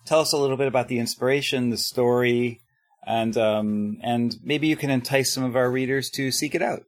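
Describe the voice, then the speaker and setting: A man's voice: mid-range voice, a little fast. A man hosting an interview, asking long, polite, encouraging questions. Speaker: interviewer host.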